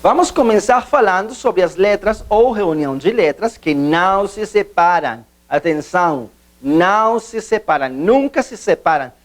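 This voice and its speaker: A man giving a video language lesson, explaining slowly, repeating himself, and stressing key points. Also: high-pitched, expressive. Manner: slow, repetitive, emphatic teacher's explanations. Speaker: Portuguese teacher.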